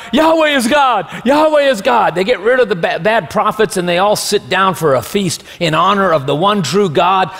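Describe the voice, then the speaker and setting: A man, a pastor, preaching a sermon and telling stories in a humorous, animated way. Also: fairly high pitch. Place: church sanctuary. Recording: long church hall reverb.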